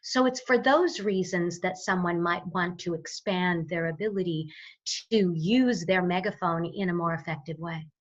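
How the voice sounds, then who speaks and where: Speaking in a lowish register over dull audio, a woman guesting as a voice coach in an interview takes an instructional approach. She explains and demonstrates, deliberately changing her resonance as she goes.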